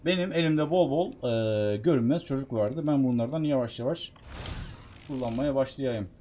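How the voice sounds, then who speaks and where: A man giving casual, chatty commentary while playing a video game, excitable, bursting into shouts. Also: mid-range voice, moderate pace. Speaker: game streamer.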